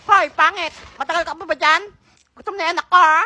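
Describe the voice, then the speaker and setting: A woman performing comedy skits in a shrill, scolding manner. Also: steady tone, quick pace, bright, forceful tone. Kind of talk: comedic skit acting.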